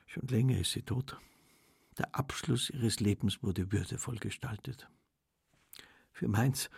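A vain, mournful ghost of an old shopkeeper, speaking in a low, gravelly voice. He broods over what he lost and keeps sinking into a hushed whisper. It is a literary radio play monologue. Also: no echo, clean studio sound, full character voice. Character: dead older male shop owner, vain and mournful.

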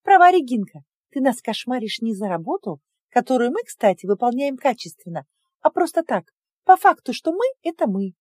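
Audiobook figure: woman reading a sharp-tongued young maid, high and quick, lively pitch, dry close sound. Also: dry recording. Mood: defiant. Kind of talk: audiobook character voice.

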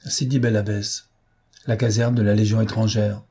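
A male audiobook narrator with a low, husky voice, reading in a slow, measured way. His tone is dark and mellow throughout. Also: flat delivery. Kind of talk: scripted narration.

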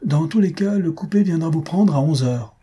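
A man voicing a breezy young husband who talks briskly and teasingly, always in a hurry. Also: mid-range voice, expressive, mellow, husky.

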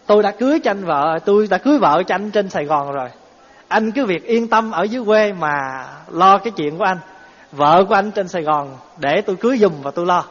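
A man doing a coaxing, smooth-talking swindler friend, high-pitched, in a dull echoey hall. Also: expressive, fast talker, fairly bright tone. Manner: coaxing, reassuring.

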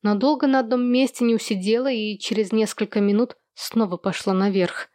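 A woman's voice: a little high, fairly quick, no room sound. Woman reading a novel aloud, dry sound. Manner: steady storytelling, voicing every character. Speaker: audiobook reader. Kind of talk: scripted narration.

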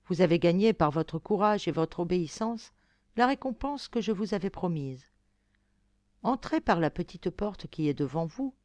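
A woman voicing a wise, kind tortoise guide in a storybook, giving measured, solemn instructions. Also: fairly low pitch, lively intonation, a little mellow, dry recording, natural voice.

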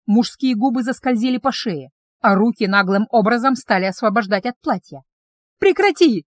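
A woman's voice: fairly high pitch, a little fast, no echo. Woman narrating a novel in first person. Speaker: audiobook narrator.

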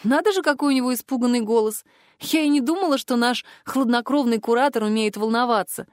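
Here the fantasy story unfolds in the first person, told by a woman whose fairly high voice carries a lot of feeling. Her pace runs a little fast, and the close-miked studio recording is completely dry, without any room sound.

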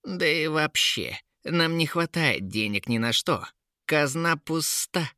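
A man's voice: medium pitch, animated, slow pace, pushed and bright, dry recording, clean studio sound, voice pushed up. A male narrator voicing an arrogant, greedy young king who whines and bluster. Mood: brash whining. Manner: whiny and brash. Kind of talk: audiobook character voice.

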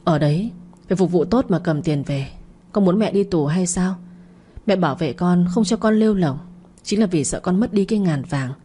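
A woman's voice: lowish voice, animated, normal speed, warm tone, husky. A woman voicing a middle-aged mother who scolds and pressures her daughter insistently. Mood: pressuring.

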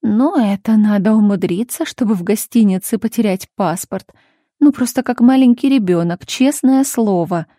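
A woman's voice: medium pitch, normal speed, warm tone, no room sound, studio quality, lightly acted. A woman voicing a cold, defensive older mother who answers in raised, indignant exclamations, in a storybook reading.

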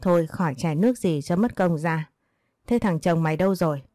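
Woman voicing a bullying old moneylender lady, blunt and rude, low dark tone, dry sound. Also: brisk, no room sound, close to an everyday voice. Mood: harsh. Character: harsh older village moneylender woman.

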